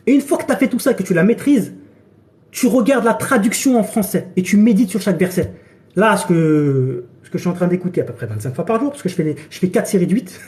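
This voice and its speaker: A man chatting casually on a phone live stream, giving advice and calling his viewers brother. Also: high-pitched. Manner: relaxed, addresses viewers as brother.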